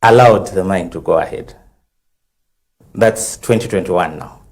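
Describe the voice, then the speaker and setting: A man with a Zambian English accent, speaking as legal counsel on a TV panel and methodically recounting a timeline with many pauses and fillers. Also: deep voice. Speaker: legal counsel for a conservation group. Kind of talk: studio TV panel discussion.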